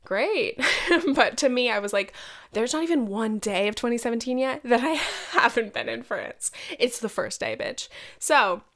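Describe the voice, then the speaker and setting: Her pitch sits on the high side, expressive and a bit bright, at normal speed. She's a twenty-something solo podcaster from the United States, still congested and nasal from a head cold, talking slangily with swearing and self-mockery.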